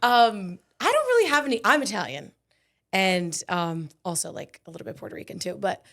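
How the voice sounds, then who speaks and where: Young woman, from New Jersey, podcast guest, nervous giggly rambling, middle pitch. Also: big pitch swings, a little fast, fairly bright tone, a little hiss or hum. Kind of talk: casual podcast chat.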